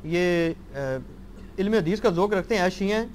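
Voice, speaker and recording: Polite male interviewer, high voice, faint noise behind. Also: a little mellow. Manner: polite, relays questions at length. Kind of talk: reading out questions.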